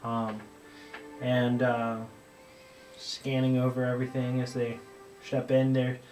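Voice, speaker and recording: A man running a tabletop game as dungeon master, narrating in a relaxed, rambling way with many fillers. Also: medium pitch, slow pace, echoey room, far from the mic, soft background music, low-quality recording.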